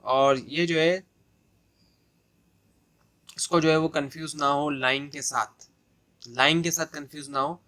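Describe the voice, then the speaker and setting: A man with a Pakistani accent tutors through an exam-prep lecture. His voice is bright and forward, and his pitch stays flat and level. He goes step by step, repeats each point, and fills pauses with "so" and "uh". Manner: explains step by step, restating points, many "so" and "uh" fillers.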